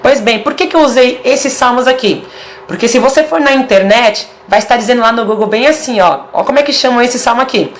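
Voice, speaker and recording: A woman's voice: a little high, brisk, slight background noise. A woman with a Brazilian Portuguese accent giving a casual video sermon, emphatic and stacking short repeated phrases.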